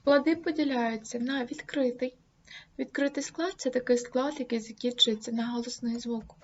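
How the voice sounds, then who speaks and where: A woman teacher giving a grammar lesson, saying example words slowly and deliberately. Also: steady tone. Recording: dull low-fi recording, faint noise.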